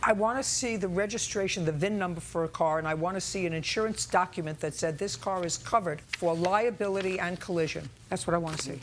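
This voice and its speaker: A woman's voice: lowish voice, fairly quick, few pauses, slight background noise. A woman speaking as a TV judge, stern and blunt, questioning and ruling from the bench and cutting people off. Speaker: TV court judge.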